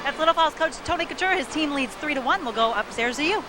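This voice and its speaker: A woman interviewing a hockey coach as sideline reporter, asking brisk questions. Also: high-pitched, animated. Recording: loud arena crowd and noise.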